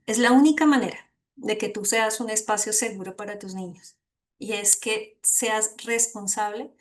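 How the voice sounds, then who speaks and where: A woman giving an online lecture as a course instructor, earnest and gently emphatic, often checking in with her listeners. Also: medium pitch.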